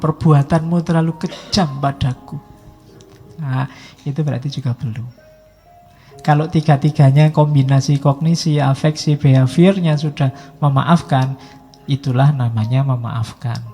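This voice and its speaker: A man's voice: mid-range voice, warm tone, breathy edge. A middle-aged man giving a public lecture, talking in a conversational, teasing way and stretching out words for emphasis. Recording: echoey hall with faint music.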